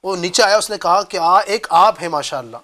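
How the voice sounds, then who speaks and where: A man recounting a moral tale in an easy conversational way on a religious talk show. His voice is high and bright, and his storytelling comes across as lively and engaged. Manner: storytelling, affirming with short interjections.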